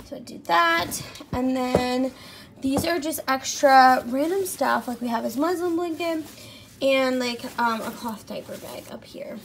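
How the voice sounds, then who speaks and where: Pregnant woman, casual home vlog, high voice, vocal fry, faint background hiss. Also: unhurried. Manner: chatty, rambling, many ums and likes. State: pregnant, at times out of breath. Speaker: vlogger. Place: indoors at home, walking room to room.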